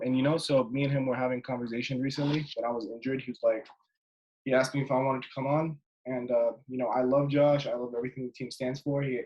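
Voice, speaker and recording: This guest is a man in his twenties from Jordan who plays basketball, chatting easygoingly in a casual interview over a webcam from his bedroom. His mid-range voice rambles with lots of fillers and restarts, and the audio sounds dull.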